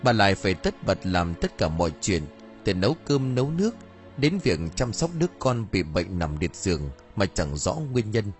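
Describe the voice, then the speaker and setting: A man reading a story aloud as narrator, in an expressive, dramatic audiobook style. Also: lowish voice, moderate pace. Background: faint music.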